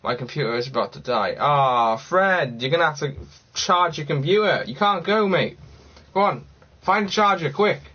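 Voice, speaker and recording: Over slightly dull lo-fi audio, a livestream host from Cardiff, Wales, chats casually and answers viewer comments, rambling and thinking out loud. His voice is a little high and slightly rough, and he keeps a moderate pace.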